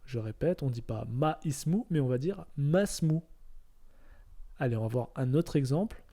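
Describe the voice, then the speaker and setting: Man, very dark mellow voice, patient teacher, repeats each step, checks understanding. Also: mid-range voice, animated, quick pace. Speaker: Arabic reading teacher. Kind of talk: step-by-step lesson.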